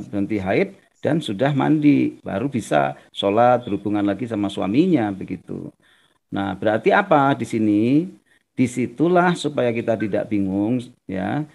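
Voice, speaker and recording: A man's voice: fairly low pitch, vocal fry, darkish tone. A man giving a religious talk over a video call, answering questions in a folksy way with everyday examples. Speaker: religious teacher. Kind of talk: online Q&A sermon.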